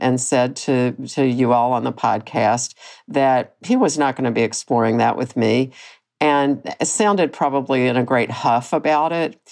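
A woman in her sixties hosts a personal podcast, speaking candidly and reflectively in a low voice that doesn't carry. She often restarts her phrases, and her tone is somewhat dark.

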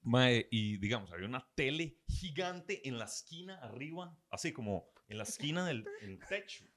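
A man's voice: medium pitch, moderate pace. A young Costa Rican man telling a rambling story in casual podcast chat, swearing often and asking "right?" again and again. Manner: rambling, animated, swears often, says "¿verdad?" often. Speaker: podcast host.

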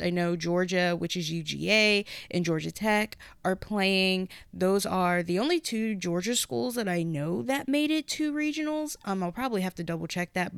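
A woman's voice: mid-range voice, clean tone, no room sound. A woman hosting a podcast in a casual, chatty, informal way, speaking with a lisp. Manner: informal, peppered with "like" and "you guys". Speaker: podcast host.

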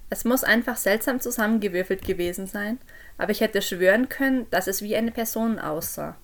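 A woman narrating a creepy first-person story for a podcast, dropping low and quiet on the eerie moments. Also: fairly quick. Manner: drops low and quiet on eerie lines, raises voice for called-out quotes. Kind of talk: scripted horror story narration.

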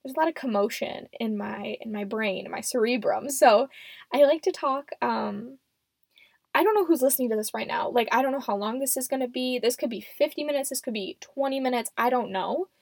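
A seventeen-year-old woman hosts a casual, unscripted solo podcast from a small closet at home, rambling in a self-deprecating way. Her fairly high, gravelly voice is brisk, captured close on a microphone, and it sounds dry and muffled.

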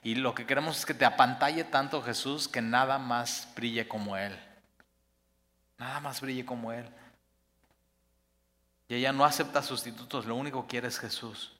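Bright-voiced man preaching in a hall. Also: mid-range voice, moderate pace, long pauses. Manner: expressive, rising to emphatic peaks then dropping soft. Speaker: pastor. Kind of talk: sermon.

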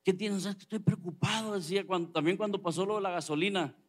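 A man's voice: sits high, steady tone, fast. A middle-aged man preaching a sermon as pastor, conversational and joking with the congregation.

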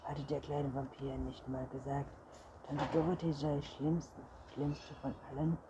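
A man narrating a children's story aloud in a lively reading style. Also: a little high, unhurried, muffled recording. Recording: noisy recording.

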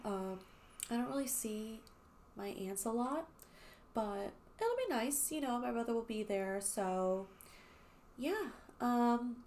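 A young woman hosts a podcast in a casual chat, full of fillers and swearing. Her mid-range voice is a little mellow but also slightly nasal and congested, and there's a faint hiss or hum on the recording.

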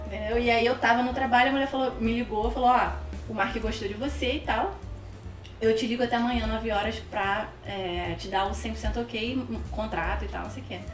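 A Brazilian woman in her thirties with a Brazilian Portuguese accent, a podcast guest telling stories in a casual, slangy, animated way and acting out the dialogue. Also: a little high. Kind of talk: casual storytelling chat. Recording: roomy, distant mic, faint music.

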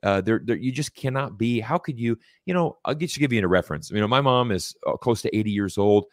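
A man's voice: lowish voice, animated, brisk, no echo, clean studio sound. An American man in his forties talking casually in an interview, emphatic and repetitive, often restarting his phrases. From United States. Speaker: guest commentator.

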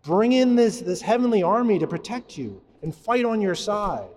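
A man's voice: high-pitched, sing-song, normal speed, darkish tone. A man, a priest, giving a homily in a conversational way, often asking the congregation questions. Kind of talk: sermon. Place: church. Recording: long church reverb.

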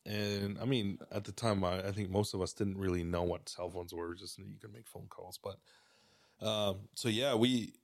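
A man from Mexico, a podcast guest, talking in a relaxed, rambling way with lots of fillers and restarts. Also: lowish voice, normal speed, vocal fry, no echo, clean studio sound. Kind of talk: casual podcast chat.

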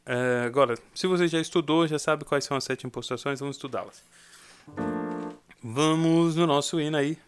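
A man's voice: on the high side, normal speed, faint music behind. Chatty Brazilian man teaching singing. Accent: Brazilian Portuguese. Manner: chatty, sings short demo phrases. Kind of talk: casual online singing lesson.

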